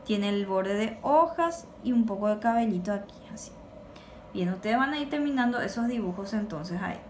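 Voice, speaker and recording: A woman teacher, giving a recorded lesson for children and repeating words slowly and clearly for the class. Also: medium pitch, animated, a little hiss or hum. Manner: slow, clear drilling of words for repetition.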